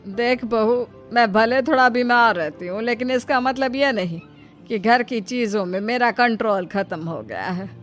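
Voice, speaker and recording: A woman's voice: on the high side, lively intonation, measured pace. A woman voicing an ailing, bossy old mother-in-law in a dramatized moral story. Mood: possessive. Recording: music behind the voice.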